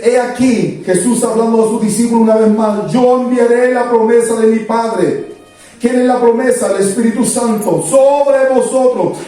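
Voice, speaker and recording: A male pastor with an extremely high, mellow voice preaches a fervent sermon in a church sanctuary, driving his points home through repeated lists. The recording is echoey, with a distant mic and faint music.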